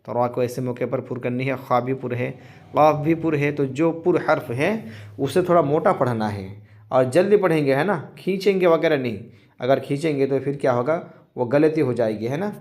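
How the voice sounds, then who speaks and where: A man teaching Quran reading, drawing out each letter sound slowly and clearly, then explaining with speech. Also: mid-range voice, a little mellow. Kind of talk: slow recitation lesson.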